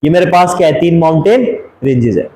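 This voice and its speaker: A man's voice: fairly high pitch, expressive, a little fast, warm tone, echoey room, a little hiss or hum, poor audio. A man teaching geography from a map, asking rhetorical questions, drawling and repeating place names, and mixing in English phrases. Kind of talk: map lesson for exam students.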